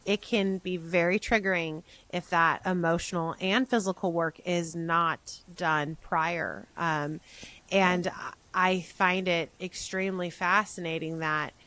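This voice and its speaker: Lower-voiced woman podcast host. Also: steady tone, unhurried, sharp tone, no echo, rough recording. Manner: thoughtful, rambling questions with fillers. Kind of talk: conversational podcast interview.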